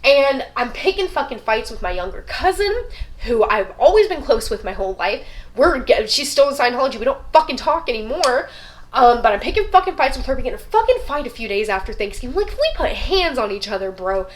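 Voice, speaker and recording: A woman's voice: on the high side, brisk, poor audio. A young woman telling her story in a casual vlog, swearing often and ranting with a lot of feeling. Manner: profane, animated, rants. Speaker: vlogger.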